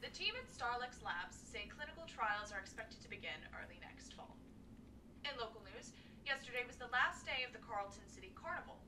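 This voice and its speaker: A woman playing a local news anchor in a comedy sketch, reading the news in a steady, formal way. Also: a little high, brisk, close to an everyday voice. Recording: distant mic with noisy background. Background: noise.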